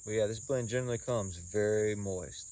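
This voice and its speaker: A man giving a casual solo review in a folksy, halting way, often repeating words and pausing. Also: lowish voice, mellow, dry recording. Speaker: pipe tobacco reviewer.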